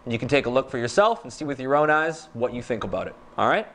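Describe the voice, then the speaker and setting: In a workshop, a man in his thirties casually demonstrates a welding machine, talking fast in a mid-range voice. He's relaxed and plain-spoken, with fillers scattered through his speech.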